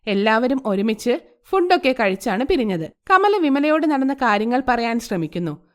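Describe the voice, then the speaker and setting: A woman narrating a storybook tale with expressive, animated delivery. Her voice is high and swings widely in pitch. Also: normal speed.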